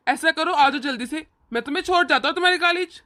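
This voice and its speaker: A woman's voice: high-pitched, fast, sharp tone. A woman voicing a doting older brother who talks in an indulgent, reassuring way, in a homemade family drama.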